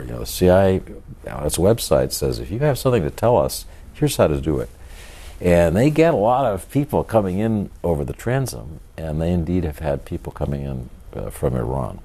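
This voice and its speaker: Older male author, interview register: extremely low, husky, monotone, measured delivery with thoughtful hesitations. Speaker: author and journalist being interviewed. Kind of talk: reflective interview talk.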